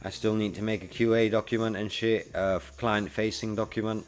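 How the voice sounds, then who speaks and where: Music plays as a man in his forties, who livestreams and does freelance web development, talks easily and slangily to his viewers. He speaks fairly quickly in a fairly low voice with a level tone.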